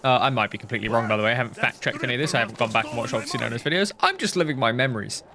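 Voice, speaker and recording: A man's voice: medium pitch, rapid-fire, over music. A man in his thirties, a gaming YouTuber rambling through casual commentary over gameplay with lots of swearing and self-mockery, talking into a headset mic.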